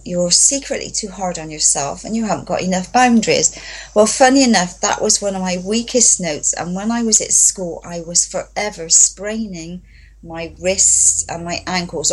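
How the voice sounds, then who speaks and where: A woman from England with a husky, slightly low voice tells her story as a guest in an interview. She is chatty and enthusiastic and often acts out what others said. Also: lively intonation, moderate pace, rough recording. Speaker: guest, voice therapy practitioner.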